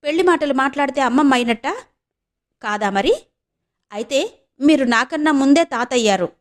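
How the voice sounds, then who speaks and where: Brief: witty young wife in an audio novel, read by a woman, polite with a teasing edge, slightly high. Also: animated, normal speed. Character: young married woman, sharp-witted and teasing.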